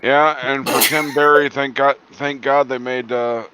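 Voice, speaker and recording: A man's voice: mid-range voice, flat delivery, unhurried, pushed and bright, smooth. A man in crude casual banter in an online voice chat, needling others with mocking questions.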